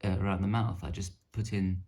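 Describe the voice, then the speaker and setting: A man's voice: low voice, level tone, brisk, warm tone, slight background noise. A man casually showing off his painted miniatures, rambling and self-deprecating. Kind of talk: casual hobby show-and-tell.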